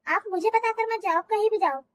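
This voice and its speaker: A woman voicing a young wife in a fan audio drama. She scolds her husband with indignant firmness. The voice sits very high. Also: a little fast. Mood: scolding.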